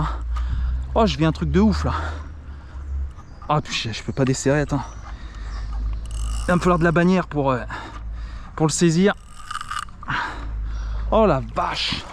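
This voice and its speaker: A young man exclaims nonstop as he films himself from a kayak on a river, talking straight to his action camera and to the fish. His voice sits fairly high. Faint water noise runs under the outdoor recording. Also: normal speed, long pauses. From France. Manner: excitable, exclaims constantly, talks to the camera and the fish. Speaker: kayak angler filming himself. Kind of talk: excited vlog commentary.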